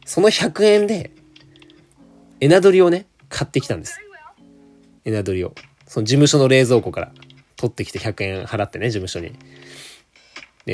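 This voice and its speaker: A man's voice: medium pitch, a little mellow. A young man, telling a work story in a chatty solo monologue full of asides. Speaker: solo podcaster. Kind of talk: casual monologue.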